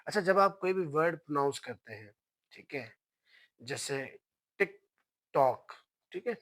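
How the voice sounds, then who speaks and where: A man with a slightly high voice teaches patiently from his slides. He repeats his points and keeps checking that the class follows. His voice sounds dry and close, with no room echo. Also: a bit bright. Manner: switches between Hindi and English. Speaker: phonetics teacher. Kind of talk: online lecture with slides.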